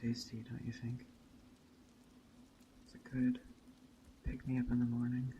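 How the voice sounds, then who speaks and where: In an ASMR roleplay, a man plays a gentle pagan witch teaching a traveler about a holiday. He speaks softly and deliberately in a medium-pitched monotone, often slipping into a whisper, in a soft-spoken character monologue. The dull, muffled audio carries faint ambient noise and soft rain and forest sounds.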